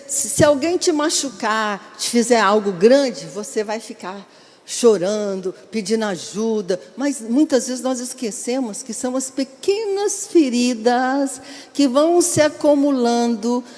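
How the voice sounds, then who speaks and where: A woman's voice: fairly high pitch, darkish tone. A middle-aged woman, a bishop preaching a sermon in an earnest, exhorting way that often asks the congregation questions. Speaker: bishop and pastor. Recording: long reverb of a large hall.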